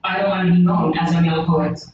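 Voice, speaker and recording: A Ghanaian woman speaks earnestly on a panel and often pauses to search for words. Her voice sits a little low. The recording is muffled and noisy, with heavy room echo. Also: steady tone. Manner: earnest, searching, with many ums. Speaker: poet on a panel. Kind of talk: reflective panel discussion. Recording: distant mic in an echoey room, muffled, noisy.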